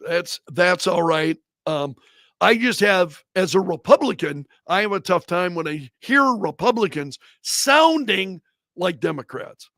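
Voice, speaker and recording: Rambling radio host, higher voice, dry sound. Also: male voice, pushed and bright, dry recording. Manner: rambling, conversational, with restarts and asides to viewers. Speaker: radio host and brand manager. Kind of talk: casual livestream chat.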